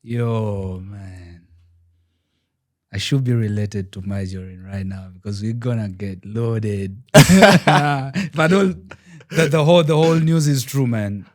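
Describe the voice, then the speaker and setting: A man's voice: lowish voice, takes it slowly. A man from Uganda co-hosting a casual podcast chat, emphatic and opinionated, often saying "man" and "yo.". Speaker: podcast co-host.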